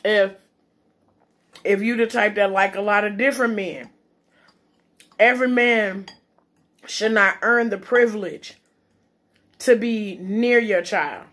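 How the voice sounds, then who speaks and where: A woman with a mid-pitched voice chats casually, as if to viewers over a meal. She is blunt and opinionated, leaning on her points and swearing freely. Her mouth is sometimes full as she talks. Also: takes it slowly, long pauses, fairly bright tone. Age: adult, parent. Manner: eating while talking, mouth sometimes full. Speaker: vlogger giving relationship and parenting opinions. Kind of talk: casual chit-chat monologue.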